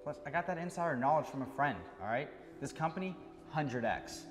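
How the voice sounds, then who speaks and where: An actor playing a cocky young husband in a skit who swaggers and brushes off worries. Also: male voice, a little high, lively intonation, fairly quick, in a large hall, over music, close to an everyday voice. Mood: boastful.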